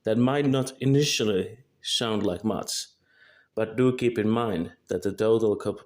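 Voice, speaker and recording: Fairly low and darkish, the voice belongs to a Finnish-speaking video creator from Finland in his early twenties. He reads a scripted monologue with care and a Finnish accent, correcting small slips as he goes.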